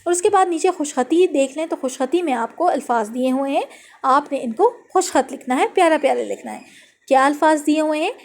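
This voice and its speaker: A woman with a Pakistani Urdu accent leads a phonics lesson for young children in a high, light voice. She stretches each letter and syllable slowly and patiently, then repeats them for practice. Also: animated. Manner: slow, drawn-out letter-by-letter sounding out. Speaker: teacher.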